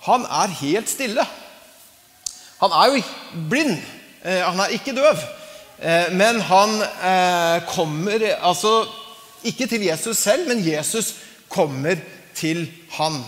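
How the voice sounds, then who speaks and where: A man's voice: high-pitched, expressive, pauses often, fairly bright tone. A man preaching a sermon in a conversational way, with frequent fillers and chuckles. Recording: long hall reverb.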